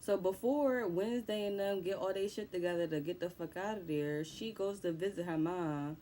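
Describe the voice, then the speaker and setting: A woman's voice: lowish voice, moderate pace, mellow, slight background noise. A young woman casually recapping a movie plot in loose, profane slang. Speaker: movie reviewer.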